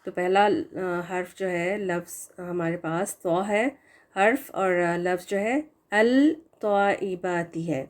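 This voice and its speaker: A woman teaching a recitation lesson online. She explains each rule with fillers and English words mixed in, and she draws out the example words slowly. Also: lowish voice. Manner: slow drawn-out recitation of examples; hesitant fillers while explaining.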